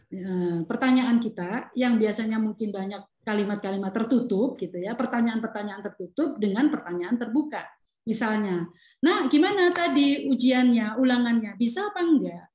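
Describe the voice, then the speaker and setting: Lively high-voiced woman lecturing in an echoey hall. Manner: animated, acts out parent and child lines. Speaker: parenting seminar speaker. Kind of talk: parenting lecture with audience interaction.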